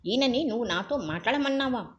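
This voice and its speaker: A woman voicing a stern, scornful middle-aged male lawyer who shouts in anger, on a muffled recording. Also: medium pitch, a little fast, slight background noise, close to an everyday voice. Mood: furious.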